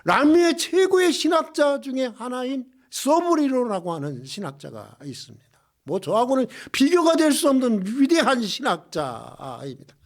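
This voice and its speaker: Brief: male pastor preaching, high voice, swings from loud exclamations to hushed lows, rhetorical questions. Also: sing-song, moderate pace. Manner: impassioned, swings between loud exclamations and hushed low passages; addresses the congregation with rhetorical questions. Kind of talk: sermon. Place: church.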